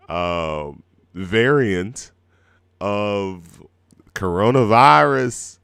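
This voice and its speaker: Speaking in a gravelly yet clear and resonant medium-pitched voice, a middle-aged radio host chats loosely on his music show despite a scratchy throat from a cold. The sound is clean studio quality with no echo.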